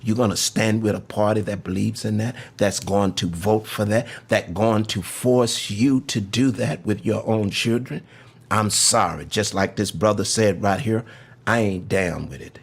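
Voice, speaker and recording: A man's voice: lowish voice, steady tone, unhurried, husky. An older man co-hosting a ministry talk show, speaking emphatically about faith and politics in a casual, preachy way. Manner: emphatic, preachy, drawling asides. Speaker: ministry co-host.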